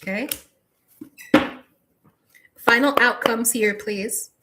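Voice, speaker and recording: Fairly high-voiced woman reading tarot live. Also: slow pace, noisy background. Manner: speaks straight to the viewer, many "like" fillers; firm, warning advice. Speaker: tarot reader.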